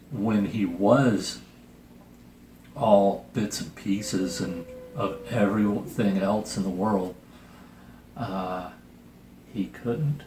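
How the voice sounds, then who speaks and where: A middle-aged host with dry, wry humor casually reads and reviews a picture book. His voice is fairly low and warm, and the audio carries a roomy echo with a noticeable hiss behind it.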